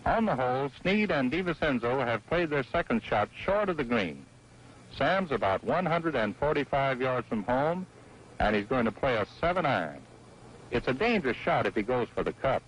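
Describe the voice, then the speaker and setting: A man's voice: medium pitch, sing-song, moderate pace, slightly rough. A man giving golf commentary on a televised match in a folksy play-by-play manner. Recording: noisy old broadcast audio.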